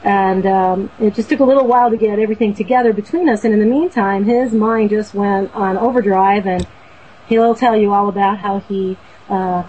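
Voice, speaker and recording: A guest from Boston, USA tells a story on a talk show, earnest and rambling, filled with fillers and restarts. Her medium-pitched voice is dark and husky at a normal speed, with lo-fi sound.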